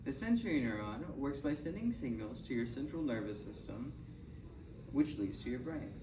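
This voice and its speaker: A man's voice: medium pitch, animated. Man doing a hard-sell infomercial, distant and echoey. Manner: halting delivery with stumbles and repeated phrases. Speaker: presenter in a mock infomercial. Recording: roomy, distant mic, clearly noisy.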